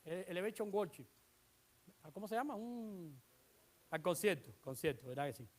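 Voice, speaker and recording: A preacher giving an animated sermon, retelling scripture with dramatic emphasis and asking the congregation rhetorical questions. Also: medium pitch, normal speed.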